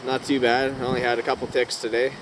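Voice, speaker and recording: A man's voice: medium pitch, flat delivery, quick pace. Laid-back man vlogging outdoors. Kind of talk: casual solo vlog chat. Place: outdoors at a campground at night. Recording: outdoor wind and ambient noise.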